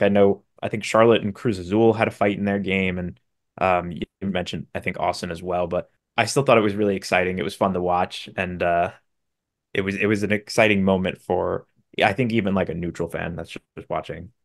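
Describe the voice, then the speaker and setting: A man co-hosting a casual soccer podcast, relaxed and hedging with fillers, laughing often. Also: low voice, normal speed. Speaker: podcast co-host.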